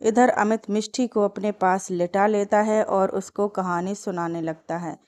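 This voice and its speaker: A woman narrating a family drama story in even, measured storytelling. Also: mid-range voice.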